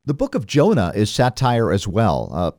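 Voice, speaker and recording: A man hosting a radio interview, asking measured, thoughtful questions. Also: lowish voice, wildly swooping pitch, darkish tone, no echo, clean studio sound. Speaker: radio host.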